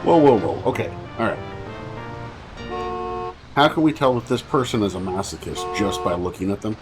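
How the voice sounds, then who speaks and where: Joking lowish man streaming a game. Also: sing-song, moderate pace. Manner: joking, thinking out loud. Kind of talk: casual game commentary. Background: game music.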